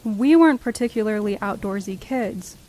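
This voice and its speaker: Give a woman narrator reading true horror stories from a script. Her voice sits at an average pitch for a woman, and she tells each account in the first person as a storyteller would. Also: animated, moderate pace, mellow, a little hiss or hum, rough recording.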